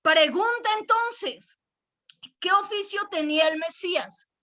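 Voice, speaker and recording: A woman's voice: extremely high pitch, measured pace, bright, forceful tone. A woman with a Boyacá Colombian accent preaching a virtual church sermon, emphatic, repeating key words and putting questions to her listeners.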